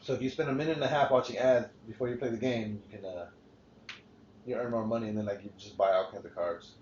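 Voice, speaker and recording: A man's voice: on the low side, fast, darkish tone, a little hiss or hum. Male podcast host, casual and profane, roomy lo-fi sound. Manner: rambling, swears freely, frequent restarts. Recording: roomy, dull lo-fi podcast recording.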